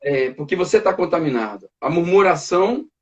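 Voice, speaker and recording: Halting higher-voiced pastor, dull audio. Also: male voice, lively intonation. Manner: halting, repeats words, acts out family arguments. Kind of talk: conversational church talk.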